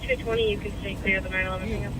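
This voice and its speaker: A police dispatcher speaking in brisk, clipped call-and-response over a police radio. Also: medium pitch, little pitch movement. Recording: tinny radio channel, heavy static, distant.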